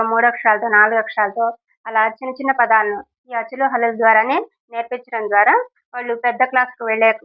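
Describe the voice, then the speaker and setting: A woman teaching children to read, sounding out syllables and two-letter words one at a time in a slow, deliberate lesson. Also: on the high side. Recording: tinny phone-like sound.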